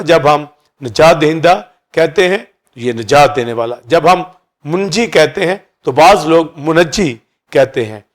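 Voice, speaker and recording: A pastor preaches a sermon, explaining key words by listing several meanings for each. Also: male voice, a little high. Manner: teaching, repeats synonyms for each key word.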